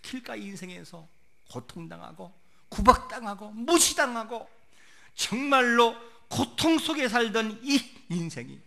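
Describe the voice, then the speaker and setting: A man preaching a sermon as a pastor, asking rhetorical questions and moving between soft and loud delivery. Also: sits high, creaky.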